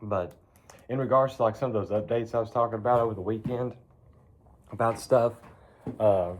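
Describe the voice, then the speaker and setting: A man's voice: lowish voice, normal speed, highs cut off. A man chatting casually to his phone in a barn, rambling in a laid-back, folksy way with casual cursing. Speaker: vlogger. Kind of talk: casual rambling chat to camera.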